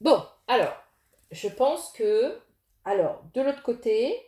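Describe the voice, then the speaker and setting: A woman's voice: on the high side, big pitch swings, slow, dark tone, reverberant. A woman giving a casual tarot reading to her viewers, talking directly to them with many fillers and restarts. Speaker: tarot reader.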